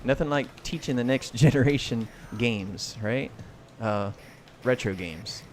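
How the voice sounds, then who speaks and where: An American man with a mid-pitched voice hosts a casual gaming livestream. He comments loosely as he plays, with clear game noise and button clatter behind him. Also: unhurried. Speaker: livestream host and gamer. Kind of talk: casual live commentary while playing. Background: video game sound and clacking arcade buttons.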